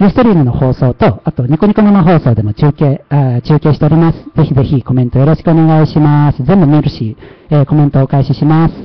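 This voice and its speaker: Casting Man, Kansai accent, slightly high voice, casual livestream host, joking about himself, dry close-miked lo-fi audio. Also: no room sound. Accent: Kansai Japanese. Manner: chatty and self-mocking, laughing often.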